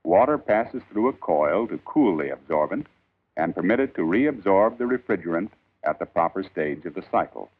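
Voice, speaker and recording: A man reading a scripted 1940s instructional film in a formal, measured, emphatic old newsreel narrator style. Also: deep voice, lively intonation. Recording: tinny band-limited 1940s film soundtrack.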